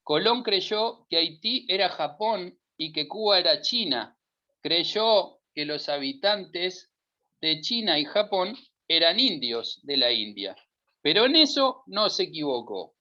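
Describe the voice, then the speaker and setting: A middle-aged Uruguayan man with a Uruguayan Spanish accent speaks emphatically on a discussion panel, stacking up lists of verbs. His voice sits high and sounds very animated, pushed and bright, though his pace is slow. The audio is dull and lo-fi.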